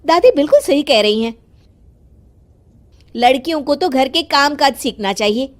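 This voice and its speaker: A woman voicing a strict, traditional, chiding mother in an animated family drama. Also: sits high, moderate pace. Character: strict traditional mother siding with her mother-in-law.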